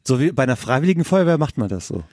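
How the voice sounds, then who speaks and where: A man's voice: mid-range voice, sing-song, very fast, darkish tone, no room sound. A man co-hosting a podcast in casual chat, throwing in short teasing jokes and questions. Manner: dry joking interjections, teasing. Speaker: podcast co-host.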